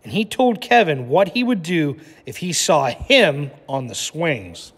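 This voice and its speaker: This man's voice is a little high, fairly bright and husky, and he reads very animatedly at a slightly slow pace. Acting as a teacher, he narrates a children's storybook with instructive asides and checks on his listeners. Long reverb fills the echoey room.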